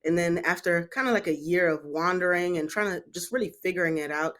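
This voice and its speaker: A woman from Germany talks as a guest on a business podcast. She answers in a relaxed, conversational way, often pausing with "um" and "kinda". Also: on the low side. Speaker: company CEO, podcast guest. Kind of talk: casual interview answers.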